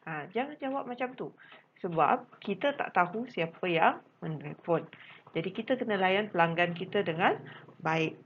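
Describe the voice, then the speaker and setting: A woman's voice: fairly low pitch, lively intonation, normal speed, lo-fi sound, slight background noise. A woman teacher speaking Malaysian Malay, giving a patient recorded lesson to special education students, repeating her points with frequent fillers.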